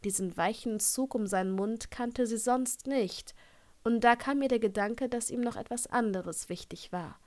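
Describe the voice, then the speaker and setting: A woman narrating a fan-fiction audiobook in a calm, even storytelling voice. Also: on the high side, normal speed. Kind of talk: reading fan fiction aloud.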